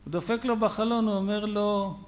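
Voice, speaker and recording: Male rabbi, sermon storyteller, lively and chatty, with a high voice and faint hiss behind. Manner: animated storyteller, conversational. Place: synagogue.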